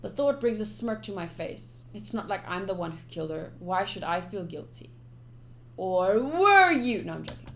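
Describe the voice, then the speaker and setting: A female streamer reads aloud from a visual novel in a live let's-play, reacting with expressive chatter. She has a medium-pitched voice and keeps a moderate pace.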